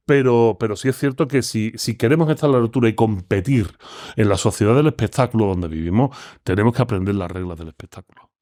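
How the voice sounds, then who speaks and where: A man from Seville with an Andalusian accent, a philosopher talking as a guest in an interview, expressive and lively in his pitch. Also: fast talker, no room sound, clean studio sound. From Seville, Spain. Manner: expressive, talks with animated pitch swings. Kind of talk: conversational interview.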